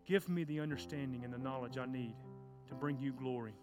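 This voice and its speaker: A male children's pastor with a mid-range, brisk voice preaches fervently in a church sanctuary, then closes in prayer. He shouts, stomps and cries, growing loud and passionate at the peaks, while soft guitar music plays behind him.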